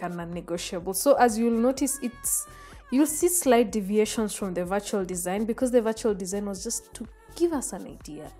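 A woman's voice: mid-range voice, warm tone. Chatty Kenyan woman vlogger. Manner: chatty, addresses viewers as guys. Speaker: home makeover vlogger. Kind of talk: casual voice-over narration.

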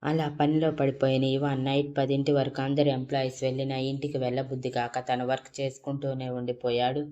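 A woman's voice: a bass voice, a little fast, muffled recording. A woman storyteller reading a romantic drama as scripted narration. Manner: steady reading.

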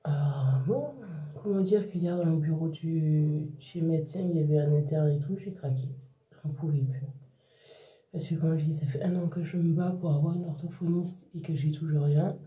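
A mellow, low-sitting woman's voice at normal speed and fairly even intonation belongs to a tired mother venting in a casual vlog. Her speech trails off and restarts. The room sounds echoey, with her voice a bit far from the mic.

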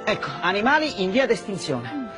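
A young actor playing a friendly, helpful elf barkeeper in a theatrical children's TV style. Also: male voice, high-pitched, very animated, normal speed, over music. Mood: cheerful, helpful. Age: young adult. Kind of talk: bright, theatrical children's television acting. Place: indoor television studio set.

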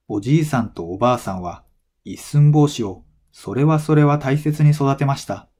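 With an animated, mellow, mid-range voice, a man reads a scripted folktale meant for language learners. His storytelling is measured and clearly phrased.

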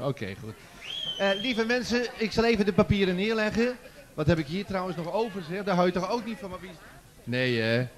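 Man, stage host, chatty and teasing, fairly high voice, handheld microphone, festival tent. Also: very animated, normal speed. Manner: jokey, chatty, teasing the audience. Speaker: presenter of a children's song contest. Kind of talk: live stage hosting. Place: large festival tent before an audience.

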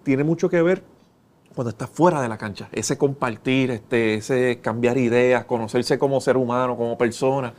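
A Puerto Rican man co-hosting a podcast, chatting casually with drawn-out fillers. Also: mid-range voice, darkish tone.

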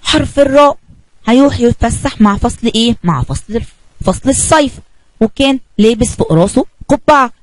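A woman with an Egyptian Arabic accent teaches young children through a story and keeps asking them questions. Her delivery is animated, and the close recording is dry. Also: on the high side, brisk, dry recording, low-quality recording. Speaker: kindergarten teacher. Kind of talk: children's lesson narration.

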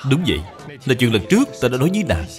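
A man's voice: medium pitch, huge pitch swings, racing. A man voicing an earnest young nobleman courting a widow in a dubbed period drama. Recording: with music behind.

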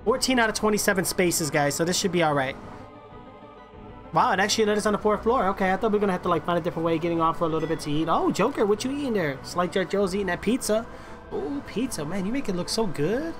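Gamer bro streamer over music. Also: male voice, high-pitched, expressive, fast. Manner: gamer bro, slangy and chummy with viewers. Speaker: game streamer. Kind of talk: casual live-stream chat while gaming. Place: indoor room at a streaming setup.

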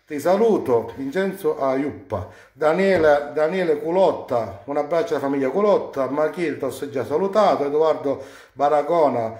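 A man from Sicily speaks in a fairly high voice, calling out viewers' names and sending them warm, effusive greetings. He stretches the names out in a casual live-stream manner. His voice rings around an echoey home kitchen. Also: animated, normal speed. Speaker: cooking channel host greeting viewers.

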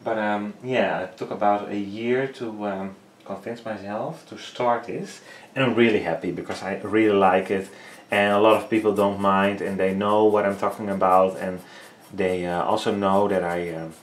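A man in his thirties speaks English, his third language after Dutch and Frisian, with a Dutch accent and a fairly low, steady voice at normal speed with hardly any pauses. He hosts a painting tutorial, vlogging casually while he paints in a small home studio, hesitating, using many fillers and searching for words. The room is echoey and there's slight background noise.

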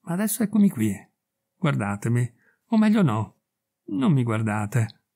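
A man reading a story aloud, voicing an aging woman who speaks gently and tenderly, with hesitant pauses. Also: mid-range voice, big pitch swings, creaky, full character voice. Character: aging woman, tender, wistful, once a beloved girl.

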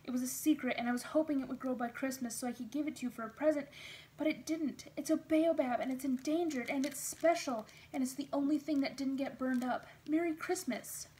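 Brief: a woman playing an eager young girl in a storybook reading, high and loud, words spilling out fast. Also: slight background noise, natural voice, low-quality recording. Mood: excited.

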